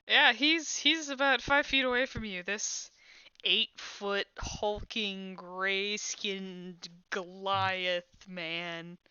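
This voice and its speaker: A woman's voice: medium pitch, fairly even intonation, extremely slow, pushed and bright, clear, resonant tone, dry recording, muffled recording. A woman narrating as game master of a tabletop game, describing scenes with many "uh"s. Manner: descriptive, filler-heavy with frequent "uh".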